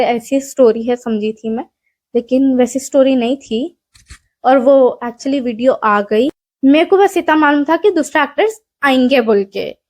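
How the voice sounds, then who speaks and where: Her voice is high with a darkish tone as this young Hyderabadi-accented vlogger chats through a story. She rambles, pokes fun at herself and uses many fillers, speaking into a mic in a small room.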